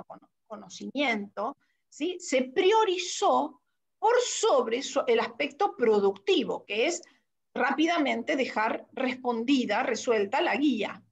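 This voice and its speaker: Slow, gravelly Argentine woman lecturing. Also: a little high. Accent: Rioplatense Spanish. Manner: reads out classroom dialogue, checks in with "¿sí?". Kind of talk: academic lecture reading classroom transcripts.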